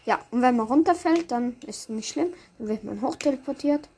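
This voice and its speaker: A woman's voice: a little high, expressive, brisk, a little mellow. A woman giving casual live commentary on her own gameplay, reacting aloud in short bursts. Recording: clear background noise, keyboard clicks.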